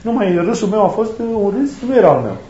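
A man's voice: sits high, sing-song, mellow. A man preaching a sermon with passion, firing off rhetorical questions and acting out the words of others. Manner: impassioned, rhetorical questions, acts out quoted speech. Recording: echoey, dull lo-fi room recording.

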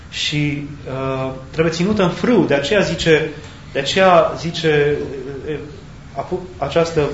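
A man delivers a sermon in a fairly high voice, calm, reflective, and thoughtful, often pausing and restarting as he searches for the right word. The sound is roomy and a bit dull, with a faint hiss in the background.

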